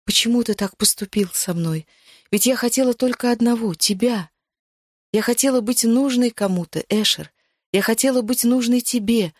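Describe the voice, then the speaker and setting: A woman's voice: a little high, moderate pace, dry recording, clean studio sound, pitched above the performer's own voice, lightly acted. A woman voicing a sobbing, heartbroken young woman. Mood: anguished. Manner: raised, tearful, pleading outbursts.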